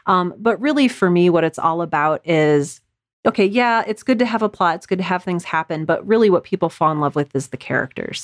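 An audio drama writer appears as a podcast guest, talking conversationally about her craft and acting out short example quotes. She has a lowish voice, captured in a dry, studio-quality recording.

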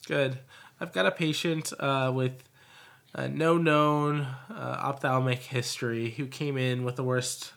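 A man's voice: medium pitch, fairly even intonation, unhurried, creaky, a bit bright. A man, a medical resident, presenting a case in a practice oral exam, hesitating often and restarting his sentences as he thinks. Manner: hesitant, lots of ums and restarts under pressure.

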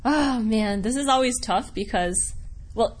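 On the high side and unhurried, her voice carries casual interview answers from a Wisconsin-based American voice actor. She's chatty and tends to ramble, giggling and downplaying herself. Noticeable background noise is present.

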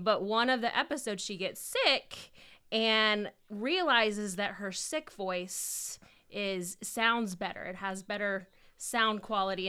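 A woman's voice: medium pitch, pushed and bright, clean tone. A woman co-hosting a church chat, playful and teasing, slightly nasal from a cold. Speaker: pastor and co-host. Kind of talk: casual chat.

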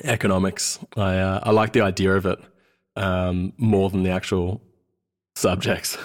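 This is a man in his thirties, born in New Zealand and now from Australia, chatting casually as a guest on a podcast interview. His voice is low-pitched and flat, his pace measured, and he hesitates as he searches for words.

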